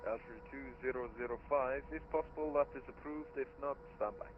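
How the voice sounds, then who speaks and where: A man's voice: mid-range voice, fairly quick. A man working as an air traffic controller, giving terse radio updates in clipped procedural phrases over a radio link. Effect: radio transmission. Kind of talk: terse radio update, online flight simulation ATC. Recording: tinny radio line, heavy noise.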